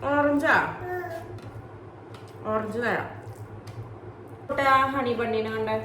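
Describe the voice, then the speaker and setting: A woman's voice: a little high, very slow, heavy background noise. A woman, a mother, coaxing her small child in a sing-song way at home. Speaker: mother talking to her toddler.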